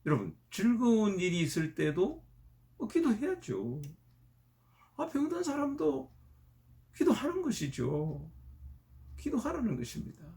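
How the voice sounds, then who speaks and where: Animated, gravelly-voiced male preacher. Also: high voice, measured pace, long pauses. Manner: animated storytelling. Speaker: pastor. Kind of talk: sermon.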